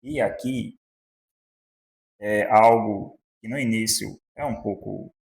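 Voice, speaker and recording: Slow, gravelly Portuguese-speaking teacher. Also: male voice, fairly low pitch, a little mellow. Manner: slow and patient, with frequent "né?" checks. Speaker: language teacher. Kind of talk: explaining Russian letters and pronunciation.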